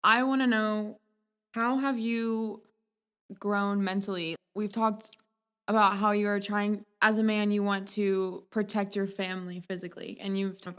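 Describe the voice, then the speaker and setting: A woman hosting a casual podcast interview, with a mid-pitched voice. She asks her questions chattily and sometimes trails off while searching for the word. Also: level tone, unhurried, clean tone. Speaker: podcast host.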